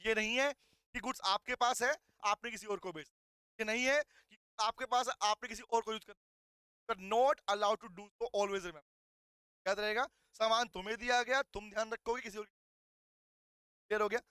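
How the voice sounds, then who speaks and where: Male law tutor, forceful delivery, dry close recording, slow statute reading, rhetorical questions to students. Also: high-pitched, steady tone, clear, resonant tone, no echo. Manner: asks rhetorical questions and calls students "beta"; reads the statute lines out slowly, word by word. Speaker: law lecturer. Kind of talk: recorded exam revision lecture.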